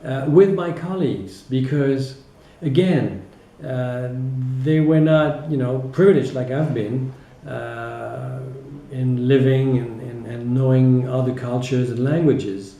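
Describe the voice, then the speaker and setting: Speaking slowly in a warm, medium-pitched voice, a French-accented man answers interview questions as a teacher, reflecting and explaining. He's hesitant and frequently adds a brief tag to check in, and the room audio is echoey.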